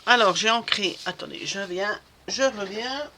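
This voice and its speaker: A woman's voice: medium pitch, unhurried, heavy background noise. A woman vlogger chatting casually while she crafts at home, rambling and hesitant, full of fillers and restarts.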